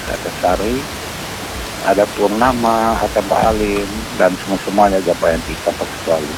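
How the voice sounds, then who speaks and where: A man's voice: on the low side, steady tone, normal speed. A man calling in to a radio show, his voice faint and distant as if the phone is held away from him, chatting casually and searching for words. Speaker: radio call-in listener. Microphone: phone call. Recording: hissy phone line.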